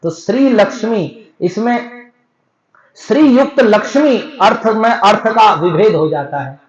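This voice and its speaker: A man teaching a scripture discourse, explaining step by step and chanting verses slowly. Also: sits high. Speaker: spiritual teacher. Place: temple hall. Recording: echoey, dull lo-fi recording.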